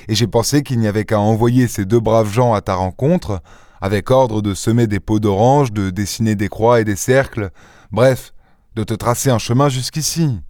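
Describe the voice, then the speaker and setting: A man reading an audiobook, voicing a playful, mocking gentleman thief who speaks with mock affection. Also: lowish voice, no echo, studio quality, close to an everyday voice. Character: charming teasing gentleman thief, young man. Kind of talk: audiobook character voice.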